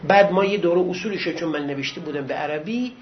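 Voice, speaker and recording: A middle-aged man with a high voice teaches a seminary class and tells stories from his own past, in an easy and encouraging way. The recording is dull and lo-fi. A faint hiss sits under his voice. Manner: conversational, reminiscing, encouraging. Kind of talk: lecture with personal anecdotes.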